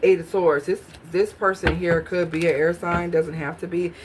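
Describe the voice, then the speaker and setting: A woman's voice: lowish voice, little pitch movement, normal speed, noisy background. A woman doing a casual tarot reading, musing aloud and questioning the cards as she pulls them. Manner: musing, talks to herself while pulling cards. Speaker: tarot reader.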